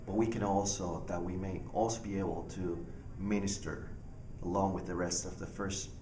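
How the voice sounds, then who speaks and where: A pastor in his forties speaks in a low, earnest voice, pausing and restarting often as he gives his testimony. The recording is echoey and picks him up from a distance, with a layer of background noise. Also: flat delivery. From Panama. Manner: earnest, halting, with many restarts and fillers. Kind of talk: personal ministry testimony. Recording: echoey room, far from mic, audible noise.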